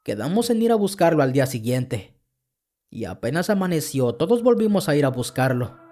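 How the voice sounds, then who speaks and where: A man telling a first-person horror story as a podcast narrator, earnest and steady. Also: a little high, normal speed.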